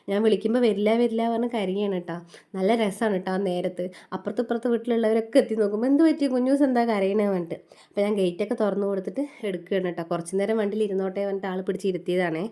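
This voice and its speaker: A woman in her thirties with a Malayali accent narrates a family vlog in a quick, easygoing patter. Her voice is mellow and dark rather than bright, and she keeps tagging friendly little asides onto her lines as she talks. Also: mid-range voice. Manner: chatty, homely, often ending lines with a tag. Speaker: family vlogger, mother. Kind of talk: casual voice-over narration.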